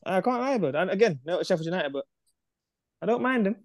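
A man's voice: high-pitched, animated, brisk, no room sound, studio quality. A man with a London roadman accent chatting casually about football, slangy and sweary. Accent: London, urban street slang. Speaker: football podcast panellist. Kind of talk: casual chat, football banter.

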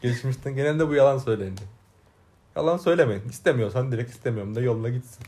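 Fast-talking young man. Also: mid-range voice, dark tone. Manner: chatty, agrees a lot, laughs often. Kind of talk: casual chat.

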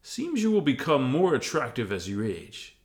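A man's voice: mid-range voice, wildly swooping pitch, normal speed. A man voicing an intrusive, sardonic talking hat that reads minds, drawling and dismissive in a scripted parody audio story. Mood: skeptical. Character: intrusive, bored, sardonic telepathic sorting hat.

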